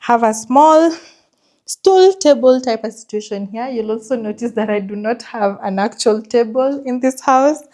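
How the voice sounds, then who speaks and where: A woman with a fairly high voice presents a home tour vlog. She talks in a casual, chatty way and sounds enthusiastic about what she is showing. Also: dark tone. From Kenya. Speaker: vlogger giving a house tour.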